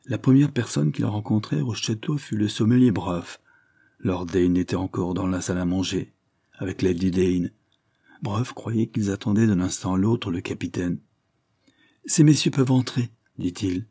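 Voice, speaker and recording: A man narrating a Victorian novel as an audiobook in a measured, steady way, close to the microphone. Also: lowish voice, breathy edge, no echo.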